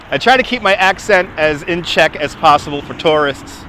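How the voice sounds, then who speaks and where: A New Yorker hosting a live walking stream on a waterfront chats with viewers, answering and laughing quickly. His voice is a little high, bright and forceful. The recording, from a phone on a handheld gimbal, is rough with a little hiss or hum.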